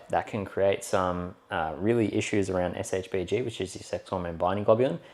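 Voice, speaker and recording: Very deep-voiced man chatting. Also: darkish tone. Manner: chatty, explanatory, rambling with fillers. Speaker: podcast co-host. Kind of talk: casual podcast chat.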